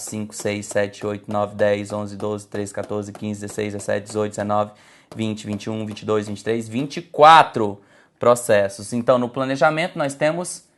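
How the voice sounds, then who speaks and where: Exam-prep teacher explaining slides. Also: medium pitch. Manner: didactic, addresses class as "gente", frequent "tá?" and "olha só"; stretches and shifts intonation to illustrate points. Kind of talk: online slide lecture.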